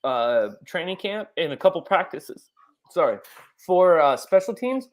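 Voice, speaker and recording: A young man co-hosting a casual sports podcast, excitable and rambling with lots of fillers. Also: high voice, measured pace. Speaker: podcast co-host.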